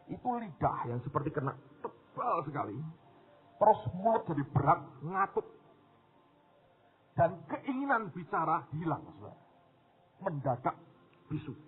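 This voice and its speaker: Animated preacher on a tinny line. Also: male voice, on the high side, unhurried, long pauses, slightly rough. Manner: animated storytelling, addressing the congregation as "saudara". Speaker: pastor. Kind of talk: sermon storytelling. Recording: tinny phone-like audio with faint noise.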